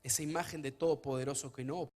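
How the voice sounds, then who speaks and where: A man preaching a sermon as pastor of a church, his delivery swinging between hushed, intimate stretches and loud, emphatic ones. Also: medium pitch, fairly even intonation, quick pace, soft background music.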